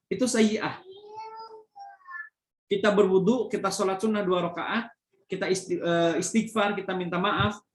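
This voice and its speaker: A man's voice: high-pitched, a bit bright. A man giving a religious study lecture as a preacher, explaining with everyday examples and frequent fillers. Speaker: Islamic preacher. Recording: echoey room.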